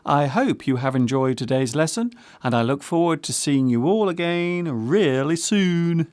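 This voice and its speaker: A man's voice: on the high side, expressive, a little slow, darkish tone, no echo. A man from England with an English accent, teaching an English vocabulary lesson in a theatrical, sing-song way. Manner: theatrical, sing-song delivery with playful rhymes. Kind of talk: scripted video lesson.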